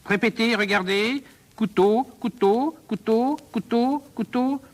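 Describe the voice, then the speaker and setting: A man's voice: high-pitched, takes it slowly, fairly bright tone, pitched above the performer's own voice. A man reading a play aloud, voicing a pedantic old professor who drills his pupil over and over and turns menacing. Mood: hectoring. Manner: insistent, repetitive drilling, rising to panic. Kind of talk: dramatic stage reading.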